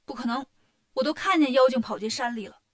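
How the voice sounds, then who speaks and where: A woman voicing a bold, quick male monkey hero who talks in a brisk, commanding way. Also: high voice.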